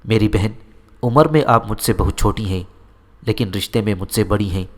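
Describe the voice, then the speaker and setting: A man with a low voice reading the lines of a courteous, gallant young man speaking to his sister-in-law and mother. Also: lightly acted.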